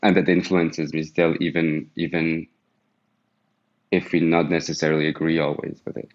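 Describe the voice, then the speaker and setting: A man with a very deep, monotone voice talks slowly about his work on a panel, restarting his phrases as he goes. The sound is dull and lo-fi. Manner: slow, deliberate, with repeated restarts. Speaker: artist and panel guest. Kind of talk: panel discussion.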